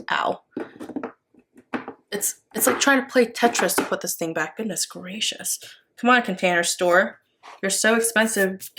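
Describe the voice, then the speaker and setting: A craft vlogger with an American accent chats casually while she works, rambling and thinking aloud. Her voice is fairly low in pitch, with background noise present.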